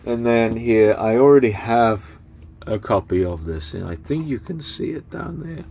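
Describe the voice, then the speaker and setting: A man's voice: mid-range voice, animated, gravelly, a little mellow, slightly rough. A young man casually talking through books he is giving away, rambling with lots of fillers. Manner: rambling, filler-heavy, unhurried. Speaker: book vlogger. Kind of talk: casual spoken book review.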